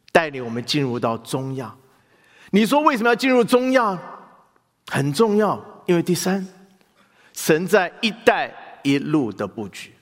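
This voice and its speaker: A male pastor preaching a sermon in animated style, asking the congregation questions. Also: high-pitched, in a large hall.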